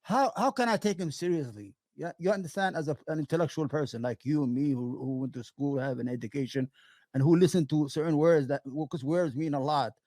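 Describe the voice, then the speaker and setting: Talkative Brooklyn man, higher pitch. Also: fairly quick, a little mellow, no room sound. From Brooklyn, New York. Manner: rambling, emphatic, many restarts. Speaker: show host. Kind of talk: casual political interview.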